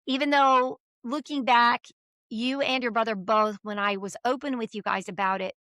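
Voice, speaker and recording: A woman's voice: fairly high pitch, moderate pace, no room sound. A middle-aged woman, the mother, chatting casually as an interview guest and acting out the people in her stories. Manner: animated storyteller acting out quoted voices. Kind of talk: casual chat.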